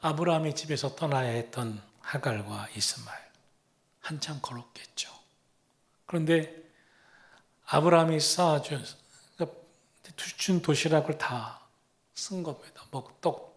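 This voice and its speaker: A man preaching as a pastor, retelling a story with dramatic pauses and often dropping to a breathy whisper. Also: fairly high pitch. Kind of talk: sermon.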